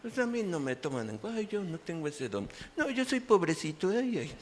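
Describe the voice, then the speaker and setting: A man's voice: high-pitched, sing-song, fairly quick, a little hiss or hum. A man preaching who voices a whiny, self-pitying foot that cries on the floor, sighing and whimpering. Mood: whining.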